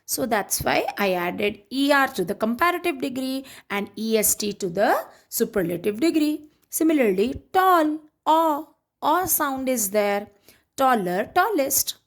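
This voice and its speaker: A woman with an Indian accent teaching an English grammar lesson, explaining slowly and deliberately as she switches between English and Hindi. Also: on the high side, sing-song.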